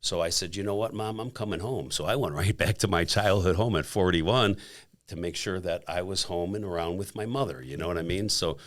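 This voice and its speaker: A man in his fifties, a podcast guest, telling a story in a casual, animated way and acting out the quotes. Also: sits low, a little fast. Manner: animated, acts out quotes with laughs.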